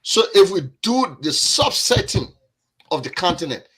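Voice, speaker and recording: A man's voice: sits high, very animated, moderate pace, a bit bright, husky. A man with a Liberian accent, a guest on a discussion podcast, talking earnestly and repeating words as he builds his point.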